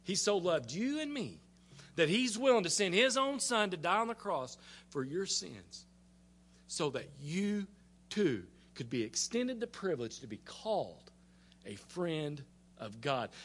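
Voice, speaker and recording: A pastor preaching a sermon, stumbling over repeated words and climbing to fervent emphasis. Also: male voice, high-pitched, sing-song, measured pace, a bit bright.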